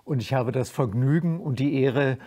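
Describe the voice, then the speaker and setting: An older man hosting a formal interview in a studio, speaking in a measured way with frequent fillers. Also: mid-range voice, warm tone. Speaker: host, interviewer. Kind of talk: moderated interview. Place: dark studio stage, indoors.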